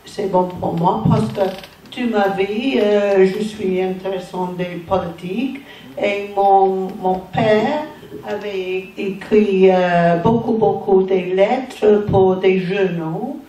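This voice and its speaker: An older woman, a native English speaker, speaks French with a clear English accent. She goes very slowly and haltingly, feeling for each word, in a soft-edged mellow voice. She is addressing a public meeting in a roomy space. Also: medium pitch. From England. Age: older, retired. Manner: halting, searching for words in non-native French. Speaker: audience member and former teacher. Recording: roomy, distant pickup with faint noise.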